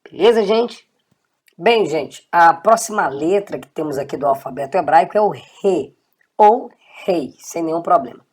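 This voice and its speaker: A woman's voice: on the low side, animated, unhurried, a little mellow, breathy edge. A woman teaching a casual online Hebrew lesson, patiently checking in with her students.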